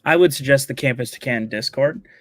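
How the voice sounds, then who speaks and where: A man's voice: medium pitch, brisk, no echo. A man hosting a live online show, talking casually with fillers and jokes. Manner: relaxed, joking, many fillers. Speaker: host. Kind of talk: casual live-stream chat.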